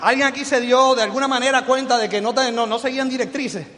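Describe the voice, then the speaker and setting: A middle-aged Puerto Rican man with a strikingly high voice gives a lively motivational talk, joking with the crowd and acting out the voices he quotes. His words ring out with a long hall reverb. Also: quick pace, slight background noise. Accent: Puerto Rican Spanish. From Puerto Rico. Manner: animated and joking, acting out quoted voices, asking the audience questions. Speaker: motivational business speaker. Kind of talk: motivational speech to a live audience. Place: large hall before an audience.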